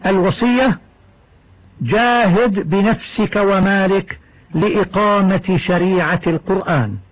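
Like a patient teacher, a high-voiced man explains the rules of Quran recitation one at a time in a measured, step-by-step way. The audio is dry and narrow with no room sound, resembling an old radio broadcast played through a small speaker.

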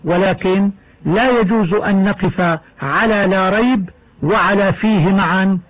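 A man teaching the rules of Quran recitation in a measured, explanatory radio lesson. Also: high-pitched, a crowd in the background. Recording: tinny old radio broadcast.

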